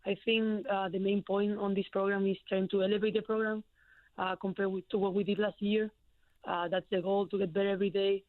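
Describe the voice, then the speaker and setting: Her mid-range voice is flat and a little fast, captured dry over a tinny phone line. She is a young woman from Spain with a Spanish accent, a college basketball player fielding questions on a phone-in radio interview with plenty of hesitation and fillers.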